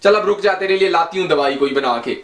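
A man's voice: high voice, a little fast, reverberant. A man playing a nagging, exasperated mother. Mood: scolding. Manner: loud, repetitive, exasperated nagging. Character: nagging, scolding middle-aged mother. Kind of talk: comedy sketch.

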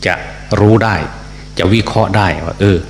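An older monk with a Northeastern Thai accent preaches in a very low voice, unhurried and deliberate, often pausing and repeating his words. The sound is roomy, with a long reverb trailing off each phrase. A faint hum sits underneath. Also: steady tone. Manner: slow, deliberate speech with repeated words and many pauses; frequent hesitation fillers. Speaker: Buddhist monk giving a sermon. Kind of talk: sermon. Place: temple hall. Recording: echoey hall recording with faint hum.

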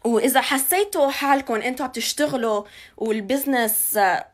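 A woman's voice: high-pitched, quick pace. A woman in her twenties with a Levantine Arabic accent, giving an informal live news update into a phone held at arm's length indoors. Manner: code-switches between Arabic and English. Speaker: local news reporter giving community updates. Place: small indoor room.

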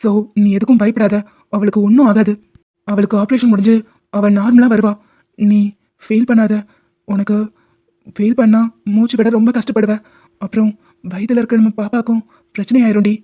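A woman's voice: mid-range voice, level tone, normal speed, long pauses, close to an everyday voice. A woman voicing a caring young husband in a cartoon drama, speaking firmly and reassuringly. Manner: firm, reassuring. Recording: dull lo-fi sound.

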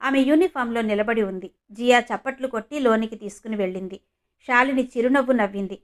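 Female storyteller, scripted narration, slightly high voice, steady delivery. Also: fairly quick.

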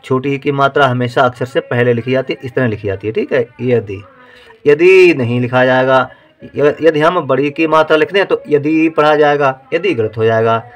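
A man teaching how to write words, slowly sounding out each syllable and repeating words like dictation. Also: medium pitch. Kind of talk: slow dictation-style writing lesson.

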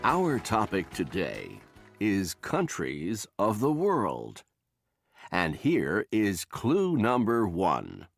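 Slow, showy male game show host. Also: on the low side, wildly swooping pitch, creaky, no room sound, faint music behind. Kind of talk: scripted textbook audio.

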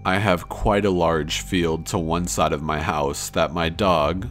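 A man narrating true scary stories in a slow, measured storytelling manner. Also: low voice, fairly even intonation, fairly bright tone. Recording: faint music under the voice.

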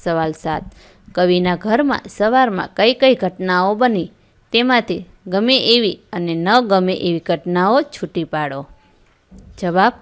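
A woman teacher reading a school lesson aloud, stating each question and then its answer clearly. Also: mid-range voice.

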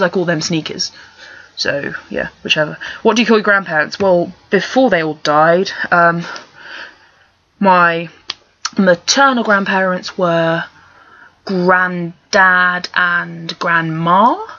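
A young woman vlogger from Surrey, with a posh Home Counties accent and a lowish, bright, forceful voice, chats to her laptop webcam in a small bedroom. She answers accent challenge questions in a wry, rambling, sweary way, and the webcam, at desk distance, gives the audio a dull lo-fi quality.

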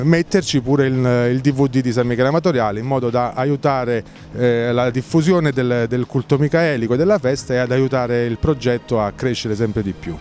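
A man, giving halting, spontaneous interview answers as a project spokesman into a handheld microphone outdoors. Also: mid-range voice, darkish tone. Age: 30s-40s. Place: outdoors by a hedge.

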